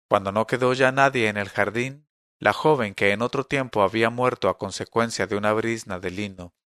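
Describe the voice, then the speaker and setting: A man reading a classic tale aloud in a calm, measured storytelling manner. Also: on the low side, no echo, studio quality. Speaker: narrator.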